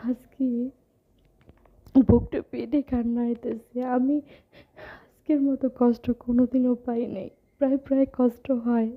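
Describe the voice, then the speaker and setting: A woman speaks on a personal vlog in a fairly high voice that stays within a narrow range. She is crying as she talks, lamenting and pleading, circling back over the same phrases. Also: flat delivery, normal speed. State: tearful, crying. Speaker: vlogger addressing her followers. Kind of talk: emotional personal vlog monologue.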